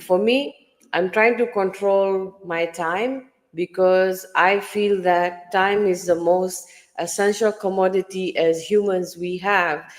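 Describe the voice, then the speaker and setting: A woman's voice: mid-range voice, a little mellow, big-room sound. A woman in her early forties from Fiji, talking earnestly about her own life as an online mentor on a livestream panel. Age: early 40s. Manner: earnest, personal storytelling.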